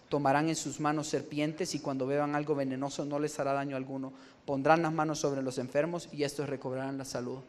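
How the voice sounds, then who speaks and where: A man preaching a sermon, telling stories with humor and laughing along the way. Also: mid-range voice. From El Salvador.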